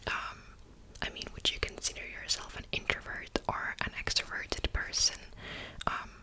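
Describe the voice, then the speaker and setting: A woman playing an attentive, patient psychologist in a whispered role-play, actively listening and asking gentle questions in a breathy whisper with pauses. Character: attentive, patient female psychologist in a therapy session.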